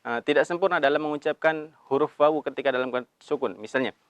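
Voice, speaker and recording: An Indonesian-accented man who calls himself Abi teaches Quran recitation, patiently explaining letters in brisk stretches and chanting the verses in slow, drawn-out examples. His voice is fairly high, with no room sound.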